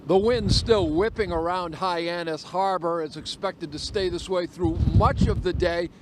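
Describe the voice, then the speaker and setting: A man's voice: sits high, fairly even intonation, measured pace, noisy background. A man working as a television reporter, narrating a scripted weather news report.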